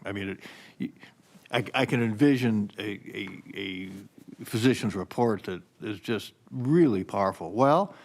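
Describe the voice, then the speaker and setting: A judge in his sixties speaks from the bench in a fairly low male voice. He muses through a question, rambling and restarting as he goes. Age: 60s. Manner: musing, rambling with repeated restarts. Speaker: appellate judge. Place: large courtroom. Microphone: bench microphone, speaking through a face mask.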